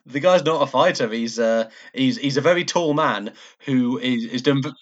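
A man's voice: medium pitch, moderate pace. A man hosting a casual podcast chat with a dry, wry humor and frequent ums. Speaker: podcast host. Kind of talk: casual chat reviewing a fight. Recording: dull lo-fi podcast audio.

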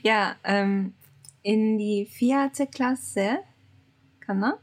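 A woman's voice: mid-range voice, very slow. Japanese-accented woman speaking simple German. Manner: simple German, switching to English, laughs often. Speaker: guest. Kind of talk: casual chat.

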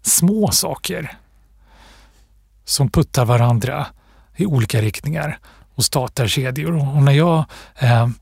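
A man being interviewed as an author, talking reflectively with pauses and restarts. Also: medium pitch, creaky, darkish tone, husky, no room sound, studio quality. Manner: thoughtful, pausing, with restarts and fillers. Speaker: author, guest.

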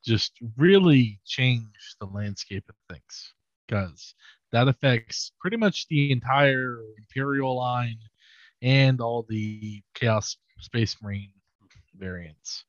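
A man adds his views to a casual gaming podcast, often stumbling over his first words. His voice sits at a middle pitch. The recording sounds muffled and dry, with no room echo. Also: lively intonation, slow. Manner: hesitant, stammering starts. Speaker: podcast co-host. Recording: dull, dry lo-fi mic.

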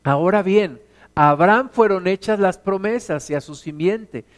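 A middle-aged Mexican man preaching a sermon as pastor, animated, acting out stories in put-on voices. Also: high-pitched, moderate pace. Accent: Mexican Spanish.

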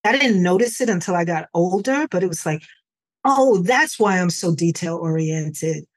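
Storytelling New woman, lowish voice. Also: moderate pace. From New York, USA. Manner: relaxed storytelling with frequent "like" and "you know". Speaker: podcast guest. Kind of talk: conversational interview.

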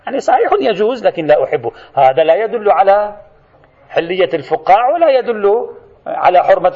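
A man's voice: high voice, gravelly, lo-fi sound. A man giving a methodical religious jurisprudence lecture, explaining texts and glossing words.

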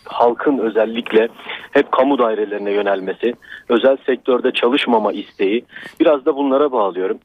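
A man talks into a radio show over a landline, his voice narrowed to a tinny, dry phone sound. He is mid-pitched and halting, pausing often as he searches for his words. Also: slightly rough, no room sound. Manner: hesitant, halting, full of pauses. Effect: landline telephone line. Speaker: radio call-in caller. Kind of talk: call-in opinion.

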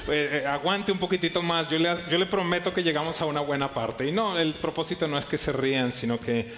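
A man preaching a live sermon as pastor to a congregation, lively, playfully acting out his listeners' voices and joking with them. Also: fairly high pitch, brisk. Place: church hall before a congregation. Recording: echoey hall with faint background noise.

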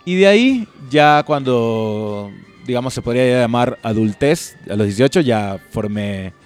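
A man's voice: mid-range voice, unhurried. Young man, easygoing rambling musician guest, faint music under him. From Guayaquil, Ecuador. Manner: relaxed, rambling with many fillers. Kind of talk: casual interview chat.

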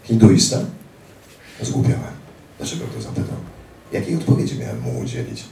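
A very deep, gravelly male voice reads a first-person story with dramatic, profane delivery. His tone is dark, and the sound is distant in an echoey room with faint background noise. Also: fairly even intonation, a little fast. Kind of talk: reading a memoir aloud.

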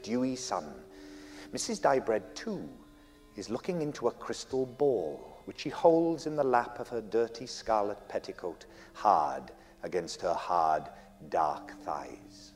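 A man narrating a radio play in a lyrical, measured way. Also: on the low side. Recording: long hall reverb with faint music.

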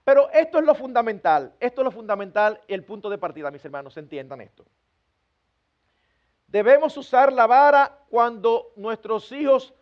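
A man's voice: extremely high pitch, lo-fi sound. A man, a pastor, preaching an earnest sermon to his congregation and acting out everyday family scenes with humor. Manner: earnest, acts out parents scolding children with humor.

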